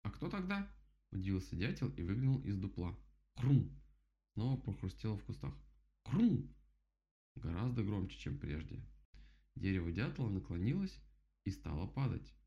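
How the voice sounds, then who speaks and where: Male children's audiobook reader, gravelly and dark, lively delivery, slightly lo-fi recording. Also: low voice, brisk. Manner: expressive storytelling.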